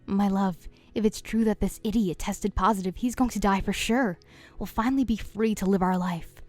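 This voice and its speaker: Woman reading a scheming, cheating wife in an animated story, pleading, middle pitch. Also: normal speed, faint music behind, natural voice. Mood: gloating.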